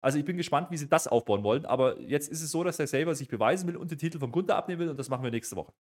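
A man's voice: on the high side, expressive, very fast, darkish tone. A man co-hosting a wrestling review podcast, recapping in casual chat and acting out quotes. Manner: chatty recapper, acts out quotes.

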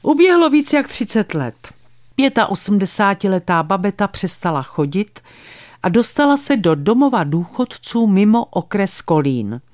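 An older woman calmly reading her own memoir with a wry storyteller's manner, close to a studio mic. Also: mid-range voice, dry recording. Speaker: memoir author and narrator.

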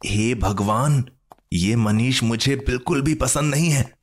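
A man's voice: mid-range voice, slow, pitched above the performer's own voice. A man doing Firoz, a wry grumbling schoolboy. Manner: muttering, wry.

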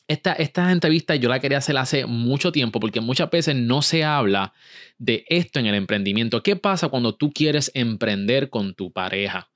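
A man's voice: mid-range voice, a bit bright, no room sound. An upbeat man hosts a podcast interview, slipping English words into his talk. The sound is close and dry, with almost no room. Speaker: podcast host.

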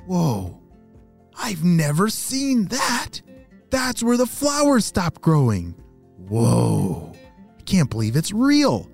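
A man voicing a curious young anaconda in a children's story podcast, speaking low and hushed with wonder. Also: big pitch swings, slow pace, husky, faint music behind, heavily acted. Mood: amazed.

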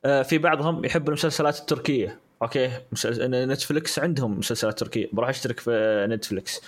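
Fast-talking man chatting. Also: mid-range voice. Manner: rapid, hesitant with many fillers and restarts. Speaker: podcast co-host. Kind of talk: casual podcast chat.

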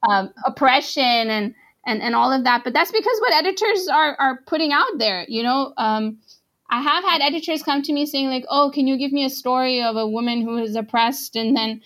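A high-pitched woman with a fairly bright tone, she is a translator from Pakistan appearing as an interview guest. Her first language isn't Arabic, and she talks in a chatty, casual way, full of fillers like "like" and "you know".

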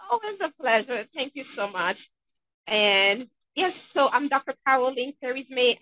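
Brief: Haitian-accented woman guest, upbeat and expressive, high lively voice, dry close sound. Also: dry recording, rough recording. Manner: upbeat, expressive, acts out quotes. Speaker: guest dentist. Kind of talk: interview conversation.

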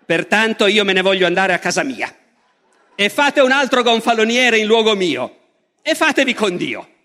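A man's voice: sits high, big pitch swings, normal speed, pushed and bright, long reverb tail, heavily acted. A man voicing a medieval politician who resigns with a solemn, declamatory flourish. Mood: declaiming.

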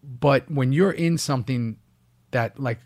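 A male actor from the US East Coast is a guest in a casual interview. Speaking in a mid-range voice at a measured pace, he tells lively anecdotes and acts out the lines of the people in them.

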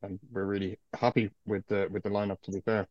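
Low-voiced west of Ireland man, dull dry audio. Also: flat delivery, fairly quick, a little mellow, no room sound. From County Clare, west of Ireland. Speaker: guest, guitarist and vocalist in a metal band. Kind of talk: casual podcast interview chat.

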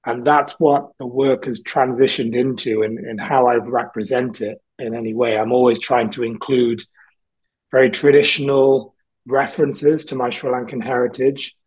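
A man's voice: mid-range voice, fairly even intonation, moderate pace, darkish tone, slightly rough, low-quality recording. A man from South Wales, a guest artist in a casual interview, talking thoughtfully and rambling a little, with frequent ums and laughs.

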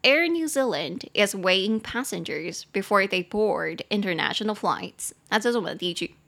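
A young woman hosting an English-teaching podcast, chatting casually, laughing often and slowing down to spell words out letter by letter. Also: medium pitch, lively intonation, vocal fry, a bit bright.

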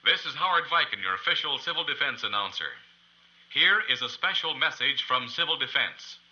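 An actor playing an official male radio announcer giving a grave, formal, measured civil defense broadcast. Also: medium pitch, very animated, muffled recording. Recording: radio broadcast with loud music behind, band-limited.

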